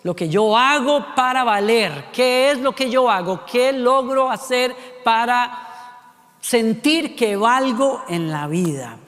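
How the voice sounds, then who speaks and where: A man with a Costa Rican accent delivers a sermon in a high voice. He fires off rhetorical questions, slowing down and dropping his volume for emphasis. The long reverb of a hall trails his words. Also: expressive. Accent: Costa Rican Spanish. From Costa Rica. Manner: rhetorical questions, shifting pace and loudness for emphasis. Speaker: preacher.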